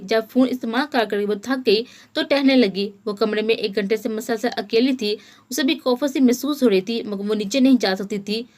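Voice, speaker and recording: A woman narrating a romance novel as an audiobook in a steady, even storytelling manner. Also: a little high.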